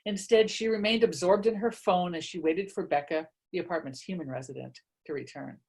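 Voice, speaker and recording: In a lowish voice with a breathy edge and a little mellowness, a woman author talks briskly about her books and reads aloud from one. Her tone is chatty, conversational and self-deprecating throughout this casual book talk.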